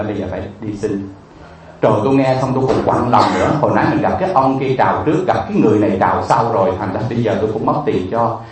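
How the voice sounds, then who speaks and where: A Buddhist monk tells a story as a sermon, in a vivid and emotional way, with many repeated fillers. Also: male voice, on the low side, slight background noise. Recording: echoey room, distant mic, faint ambience.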